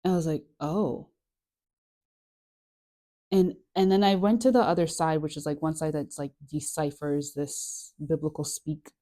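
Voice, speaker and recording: A woman's voice: deep voice, fairly even intonation, moderate pace, few pauses, warm tone. A woman hosting a casual Bible study chat, chatty and rambling, laughing often with lots of fillers. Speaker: host of a Bible study channel.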